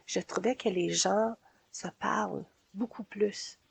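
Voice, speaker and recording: A woman's voice: mid-range voice, steady tone, slow, gravelly, husky. A sociable woman in her forties with a Québécois French accent, casually telling her own story in an interview and laughing often between phrases. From Quebec.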